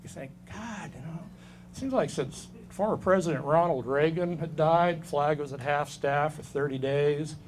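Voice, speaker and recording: A man in his fifties works through a stand-up set on a club stage, firing off dry, self-deprecating one-liners. His voice sits a little high for a man. Faint room noise hangs behind him. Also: normal speed, hardly any pauses, a little mellow. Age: 50s. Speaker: stand-up comedian.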